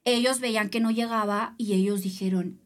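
A woman with a Mexican Spanish accent, a triathlete guest telling a race story in a casual interview, animated and acting out other people's voices. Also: medium pitch, normal speed.

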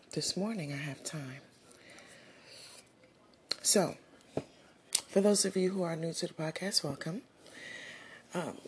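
Low, slow-talking woman podcast host. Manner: unhurried, earnest, with soft laughs and quiet breathy asides. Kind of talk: faith-tinged motivational podcast monologue.

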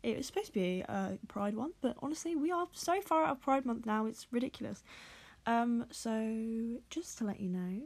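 A woman's voice: on the high side, normal speed, darkish tone, no room sound. A young woman co-hosting a casual podcast, chatty and earnest, with a groggy morning voice. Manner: chatty, filler-heavy, earnest. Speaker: podcast co-host.

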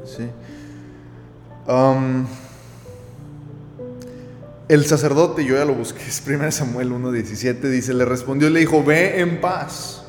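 A man preaching a sermon, animated and often checking in with his listeners by asking "right?". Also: medium pitch, unhurried, pauses often, faint music behind. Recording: echoey hall with long reverb.

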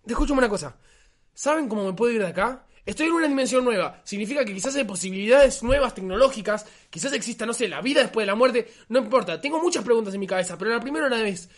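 A man's voice: very high voice, animated, fast talker. A man with an Argentine accent in a comedy podcast sketch, asking confused and insistent questions. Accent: Argentine Spanish.

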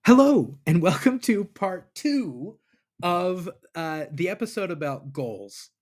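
A man with a slightly high voice talks through his faith in a casual, reflective monologue. He thinks aloud and retells old stories in plain everyday words. It sounds like a home computer mic. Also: sing-song, takes it slowly, a little mellow. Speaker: podcast host. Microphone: computer mic, recording in a browser app.

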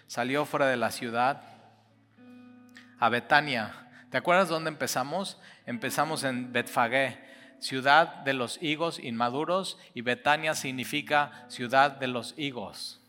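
Man preaching, bright forceful voice, long hall reverb over soft guitar. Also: medium pitch, unhurried. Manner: impassioned, swings from loud to hushed. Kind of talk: sermon.

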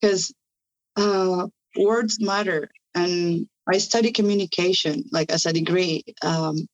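A woman from a Spanish-speaking country speaks English with a Spanish accent in a casual conversation, her lowish voice steady and slow. She sounds eager and enthusiastic, with lots of fillers and restarts, and the audio is dull.

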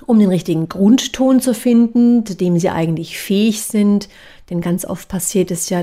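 A woman voice coach giving a calm, measured lesson on breathing and articulation exercises. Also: mid-range voice. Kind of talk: instructional voice training lesson.

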